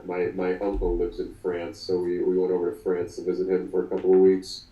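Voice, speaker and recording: A man's voice: low voice, completely flat delivery, warm tone, roomy sound, recorded from a distance, rough recording. A man in his twenties talking through an interview as the guest, often restarting and filling with ums. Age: 20s. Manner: halting, many restarts and fillers. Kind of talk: casual interview.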